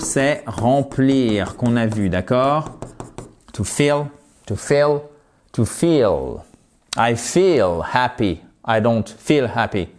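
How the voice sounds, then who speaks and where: Man, english teacher, playful drilling, slow deliberate delivery, slightly high voice. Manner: lively, playful, repeats words slowly to drill them. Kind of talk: online English lesson.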